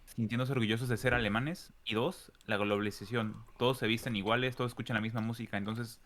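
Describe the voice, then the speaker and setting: A man with a Mexican accent, co-hosting a casual podcast and telling relaxed stories with colloquial asides. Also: mid-range voice, quick pace, slight background noise. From central Mexico. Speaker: podcast co-host. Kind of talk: casual chat.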